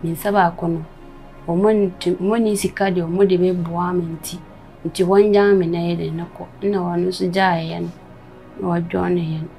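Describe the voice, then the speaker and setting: A woman's voice: fairly low pitch, flat delivery, moderate pace, gravelly, mellow, soft background music. A woman with a Ghanaian accent speaking pleadingly and repetitively in a street interview.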